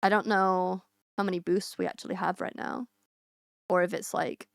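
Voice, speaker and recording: A woman's voice: on the low side, fairly even intonation, normal speed, creaky, smooth, no room sound, clean studio sound. A woman streamer chatting casually with her viewers, rambling with lots of fillers and restarts.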